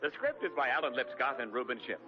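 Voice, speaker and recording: In a smooth, polished, emphatic 1940s radio style, a man announces sponsor commercials and credits. His medium-pitched voice is animated and fast. The dull, lo-fi old radio recording includes music.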